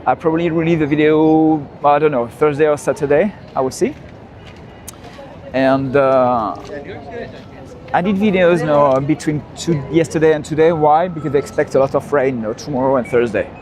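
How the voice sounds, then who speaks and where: A man from France with a slightly high voice talks at normal speed while hosting a live walking tour on bustling city streets. Traffic and street noise are loud behind him as he chats, repeating himself with frequent "you know" asides.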